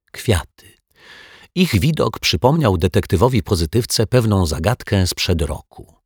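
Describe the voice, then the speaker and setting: Deep-voiced man reading a children's story. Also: breathy edge, dry recording, clean studio sound. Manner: expressive, unhurried. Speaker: narrator.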